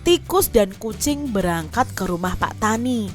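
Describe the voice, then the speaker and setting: A woman's voice: mid-range voice, expressive, a little slow, faint music behind. A woman teacher telling a fable to young children and explaining the lesson, often speaking to them directly. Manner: addresses children warmly as adik-adik. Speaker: primary school teacher.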